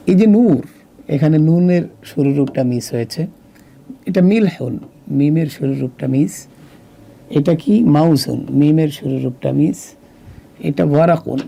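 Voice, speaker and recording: A man's voice: on the high side, dark tone. A man with a Bangladeshi Bengali accent teaching a children's Arabic lesson, patiently drawing out each word. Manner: patient, drawn-out word-by-word pronunciation. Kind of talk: slow recorded lesson walkthrough.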